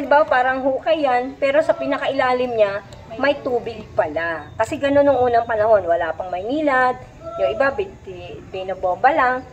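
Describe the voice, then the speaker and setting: A woman with a Filipino accent teaching a reading lesson, reading English sentences slowly and then explaining them in Filipino with quick questions to the children. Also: a little high, lo-fi sound. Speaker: reading tutor. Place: classroom with children responding.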